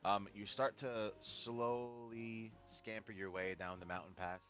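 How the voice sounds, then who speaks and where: A man's voice: fairly low pitch, fairly even intonation, a little slow, fairly bright tone, highs cut off, soft background music. A man acting as game master, narrating a tabletop game in a casual, conversational way.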